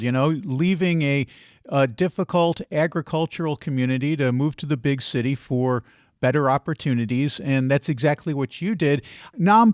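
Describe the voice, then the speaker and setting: Male podcast host, slightly high voice, friendly, articulate, dry close mic. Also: no room sound. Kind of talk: podcast interview.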